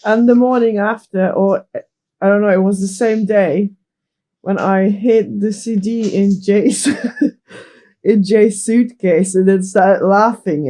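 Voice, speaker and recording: A woman's voice: medium pitch, warm tone. A woman in a band, teasing her bandmates and giggling through tour memories in casual podcast chat. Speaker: band member.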